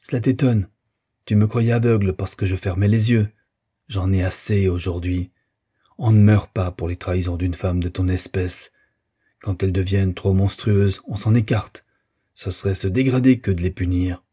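A man's voice: low-pitched, fairly even intonation, moderate pace, mellow, slightly rough. A man voicing a young lover in an audiobook, hurling accusations in a bitter, accusing way and then turning cold. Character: young man, jealous and coldly wounded lover.

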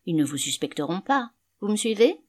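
A woman's voice: mid-range voice, big pitch swings, fairly quick, a little mellow. A woman reading an audiobook, voicing a grumbling, scornful middle-aged male canvasser with an indignant, sneering manner.

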